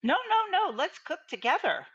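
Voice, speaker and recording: A woman's voice: sits high, very animated, a bit bright. Encouraging woman host, dull audio. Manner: encouraging, quick back-channel replies. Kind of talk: casual cooking chat.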